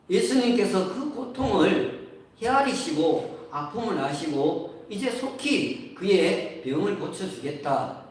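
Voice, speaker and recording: Male pastor, sermon delivery, slow and animated, echoey church hall, distant mic. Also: high-pitched. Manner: explains slowly, sings briefly. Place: church sanctuary.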